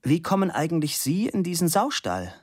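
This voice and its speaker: A man's voice: on the high side, very animated, moderate pace, slightly rough, pitched above the performer's own voice. A man reading aloud, voicing an idle, observant young man who makes dry, ironic remarks. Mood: wry.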